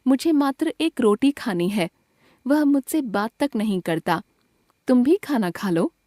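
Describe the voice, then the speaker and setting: Slow, measured woman reading a lesson. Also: on the high side, animated, dark tone, no echo, studio quality. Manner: slow, deliberate list reading with pauses. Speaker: textbook narrator. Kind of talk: scripted grammar lesson reading.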